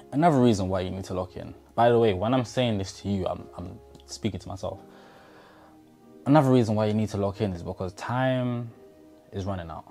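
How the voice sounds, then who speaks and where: A man in his twenties, his voice fairly low and warm, gives an earnest motivational talk straight to the camera. He's a motivational vlogger recording indoors in his bedroom with a clip-on lapel mic.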